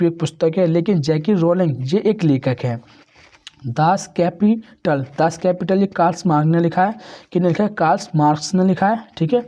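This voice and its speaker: A man's voice: fairly high pitch, mellow. A man giving an exam-prep lesson as a tutor, repeating each answer and often calling the listeners friends.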